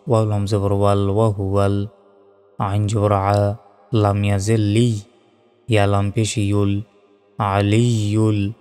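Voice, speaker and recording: A man teaching Quran reading, spelling out the Arabic letters and vowel marks one by one and chanting each verse in a slow, drawn-out way. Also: on the low side, a little mellow, clean tone. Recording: long reverb, faint music.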